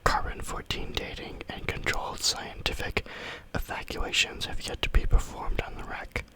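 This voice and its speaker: A man reading spooky stories aloud as ASMR in a breathy, unvoiced whisper, with deliberate phrasing.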